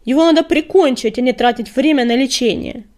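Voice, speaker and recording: A woman's voice: a little high, fairly quick, lightly acted. Woman doing a snarling warrior tomcat. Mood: angry. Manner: loud, snarling, forceful. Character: fierce, hot-tempered male warrior cat.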